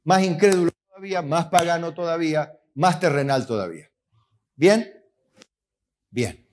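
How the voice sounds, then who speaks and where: A man's voice: fairly high pitch, normal speed, darkish tone. A man with an Argentine Spanish accent, a pastor preaching a sermon, asking the congregation questions and answering them himself, and acting out voices of God and of complaining believers.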